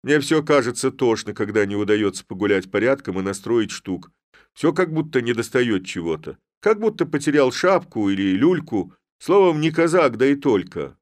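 Burly rowdy young reveller by a male reader, loud and boisterous, pitched up, dry. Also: sing-song, moderate pace, dry recording, lightly acted.

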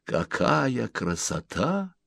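A man voicing a small gentle alien who whispers kindly, in a storybook reading. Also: fairly low pitch, big pitch swings, measured pace, gravelly, no echo, exaggerated voice. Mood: hushed kind.

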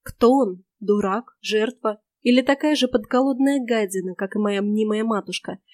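A woman narrating a first-person audiobook in a lively, expressive reading voice. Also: medium pitch, normal speed, dry recording, studio quality.

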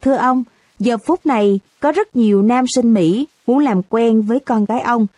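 A woman's voice: on the high side, normal speed, mellow, no echo, studio quality, close to an everyday voice. A woman reading a formal, polite reporter. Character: persistent press reporter.

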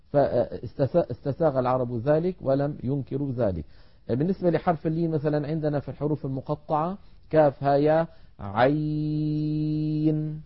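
Measured male tajweed teacher, muffled sound. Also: on the high side. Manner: measured explanatory delivery, drawing out example words slowly. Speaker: Quran recitation teacher. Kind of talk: televised tajweed lesson.

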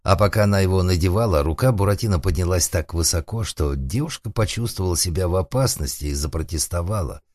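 A man reading a humorous story aloud as narrator, wry and deadpan, with asides to the listener. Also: deep voice, fast, hardly any pauses, no echo, studio quality. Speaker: audiobook narrator.

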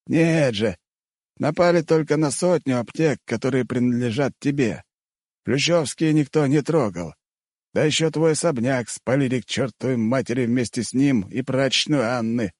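A man's voice: mid-range voice, moderate pace, a little mellow, no echo, studio quality, voice pushed up, natural voice. A man voicing a sardonic male rector in an audiobook, speaking in curt, mocking replies.

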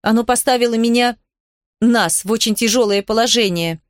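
A woman's voice: on the high side, moderate pace, no echo, studio quality, close to an everyday voice. A woman voicing a stern, anxious elder sister who speaks sharply and with exasperation. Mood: exasperated stern.

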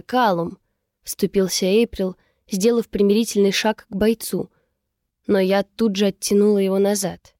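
A woman reading a first-person novel aloud in an even, measured way. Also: medium pitch, dry recording, clean studio sound. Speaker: audiobook narrator. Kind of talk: first-person scripted narration.

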